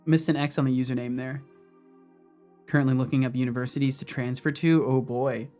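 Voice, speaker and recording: Speaking a little fast in a mid-range voice, this man in his thirties codes on a livestream from his home office, breaking off to chat easily with his viewers. He's a game developer with a laid-back manner, and soft music plays in the background.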